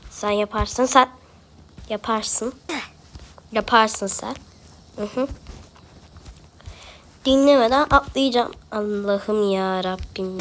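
A woman's voice: on the high side, slight background noise. A woman with a Turkish accent, talking to herself and grumbling while she plays a video game. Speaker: gameplay streamer. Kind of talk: casual gaming commentary.

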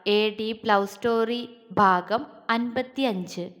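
A woman storyteller reading a romance serial aloud in a measured way. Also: on the high side, a bit bright. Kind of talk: scripted romance narration. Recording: long reverb.

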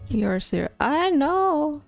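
This young gamer, a native speaker of Chinese, has a high voice with wide pitch swings, stretched-out words and vocal fry. She makes casual conversation during her stream, stumbling into fillers and restarts over quiet background music.

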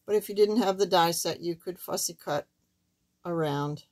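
Craft tutorial host: older woman, lowish pitch, thin squeaky voice with some hoarseness, casual and halting. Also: a little mellow. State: hoarse while recovering from surgery. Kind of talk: casual card-making demonstration. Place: indoors at a wooden craft table, camera overhead.

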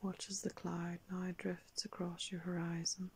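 Whispery older woman, very slow sleep-story narrator. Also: on the low side. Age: older, around 60s. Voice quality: whispery, breathy, husky. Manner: calm, soft, unhurried, with long pauses. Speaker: guided meditation narrator. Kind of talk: soothing guided meditation, like a sleep story narrator. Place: small indoor room.

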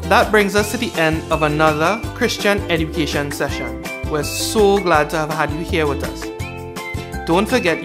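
Young man hosting a Sunday school show. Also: on the high side. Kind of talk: children's lesson hosting and prayer. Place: studio with green screen. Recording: music playing underneath.

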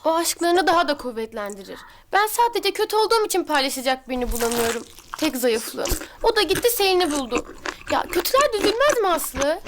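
A high, lively, fast voice of a scheming young girl in a TV drama. She sweet-talks with calculation and calm wickedness. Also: background noise. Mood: plaintive, scheming. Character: crafty, self-declared wicked young daughter.

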